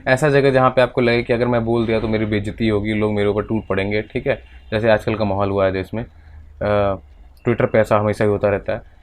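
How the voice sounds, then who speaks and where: A man with an Indian accent teaches vocabulary, reading English text slowly and then explaining it quickly in Hindi. His voice is fairly low-pitched and level in tone.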